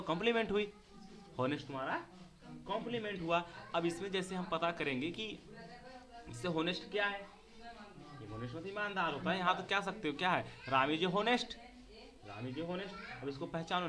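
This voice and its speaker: A man's voice: high-pitched, lively intonation, brisk, crowd noise. A man teaching a grammar lesson to a class. He speaks, repeats key words and keeps asking whether the students understand.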